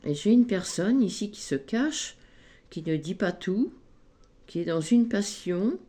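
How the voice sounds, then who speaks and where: A woman giving a spoken tarot card reading, slow and gently encouraging, often adding little tags as she goes. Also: medium pitch, lively intonation. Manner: slow, gentle, encouraging, frequent "hein" and "ici".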